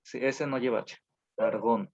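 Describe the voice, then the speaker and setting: A man's voice: medium pitch, steady tone, gravelly, darkish tone. Man dictating a class over a call. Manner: slow dictation with frequent fillers and repetitions. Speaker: teacher. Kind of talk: online class lecture, dictating notes. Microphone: video call. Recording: dull lo-fi online call audio.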